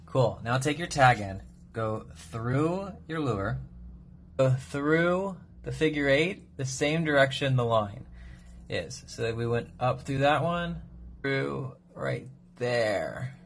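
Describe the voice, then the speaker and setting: A man's voice: medium pitch, animated, vocal fry, slight background noise. Upbeat man teaching fishing knots. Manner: upbeat, brisk instructional. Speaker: fishing knot instructor. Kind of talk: step-by-step tutorial. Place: indoors at a kitchen sink.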